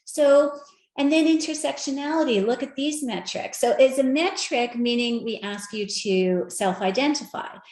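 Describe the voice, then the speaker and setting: A woman giving a conference talk with slides, animated and conversational, often asking the audience direct questions. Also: high-pitched, moderate pace, echoey room. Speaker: speaker at an equity research event. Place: virtual event.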